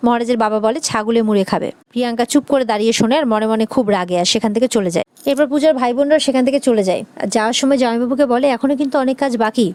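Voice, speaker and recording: A woman quickly narrating an episode recap of a TV serial, reading out every character's lines in turn. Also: fairly high pitch, a little mellow, no echo.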